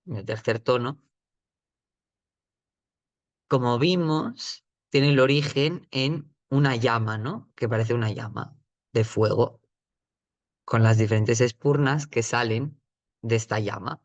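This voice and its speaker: A man teaching vocabulary in a patient, explanatory lesson, often checking in with the listener and repeating words slowly at a higher pitch. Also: dry recording, highs cut off. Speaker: Chinese teacher.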